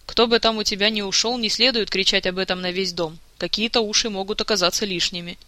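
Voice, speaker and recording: A man's voice: high voice, fairly even intonation, fast talker, pushed and bright, no echo. A man voicing a weary, exasperated king who gives curt commands. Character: weary adult male king, firm and exasperated.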